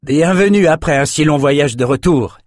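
A man's voice: medium pitch, animated, normal speed, dry recording, studio quality, natural voice. A man voicing a burly bearded fisherman who is now mayor, confident and hearty. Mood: welcoming.

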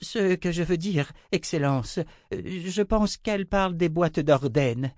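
A man's voice: a little high, unhurried, darkish tone, no room sound, clean studio sound, voice pushed up, close to an everyday voice. A man voicing a nervous woman who serves a tyrant, speaking hesitantly and stammering.

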